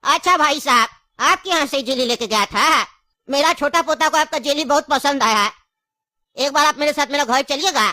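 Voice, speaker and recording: A scheming old grandfather who coaxes and insists, voiced by a woman with a high, bright tone. The sound is close and dry, and the delivery has a comic, laughing edge. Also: moderate pace, dry recording. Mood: coaxing. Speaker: comic skit actor. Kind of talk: comedy skit acting.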